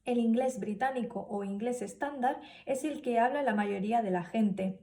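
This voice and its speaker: A woman's voice: a little high, warm tone, recorded from a distance. A woman giving a spoken class presentation, hesitant, with many fillers and restarts. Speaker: student presenter.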